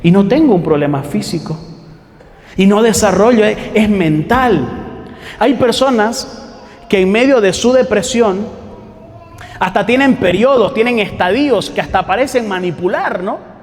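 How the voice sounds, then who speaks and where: A man's voice: high voice, unhurried, long reverb tail. A man preaching a sermon, talking conversationally with rhetorical questions and mocking quotes of what people say.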